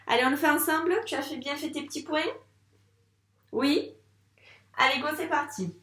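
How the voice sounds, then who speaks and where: A woman teaching a first-grade handwriting lesson, speaking slowly and patiently and encouraging the child directly. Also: high voice, fairly even intonation, a bit bright, echoey room, far from the mic.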